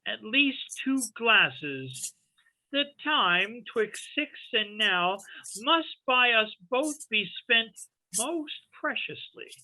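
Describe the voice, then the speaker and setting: A woman's voice: on the high side, big pitch swings, sharp tone, heavily acted, poor audio. A woman playing a commanding, imperious sorcerer in a Shakespeare reading, declaiming theatrically to a servant spirit. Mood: businesslike. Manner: slow, stern, theatrical declamation.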